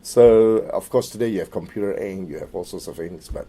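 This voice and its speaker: Speaking briskly in a low voice, a middle-aged man from Malaysia gives an oral history interview. His speech is hesitant, with frequent fillers and restarts, and phrase endings drift off more quietly.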